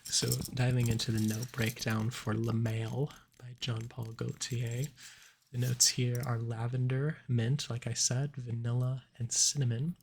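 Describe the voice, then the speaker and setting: A man plays a salesman in an ASMR role-play, explaining his wares in measured patter. His voice sits at a medium pitch with a gravelly creak and fairly even intonation. Faint noise runs behind him.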